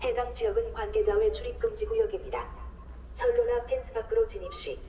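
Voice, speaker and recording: Woman's voice, a stern security warning over a station loudspeaker, heard from far off in a very echoey hall with dull sound and loud noise around it. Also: a little high, brisk. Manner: stern, clipped and official. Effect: station loudspeaker announcement. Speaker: automated station security announcement. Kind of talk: formal recorded warning announcement. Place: large indoor train station.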